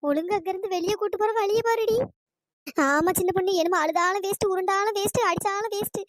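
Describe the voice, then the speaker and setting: A voice actor playing sharp-tongued, easily panicked cartoon village women. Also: very high-pitched, quick pace. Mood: scolding. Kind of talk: cartoon storytelling.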